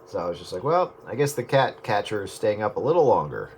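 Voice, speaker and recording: A hobby radio operator with a lowish voice chats fast and very animatedly, joking and rambling over two-way radio. His transceiver microphone carries a very noisy transmission.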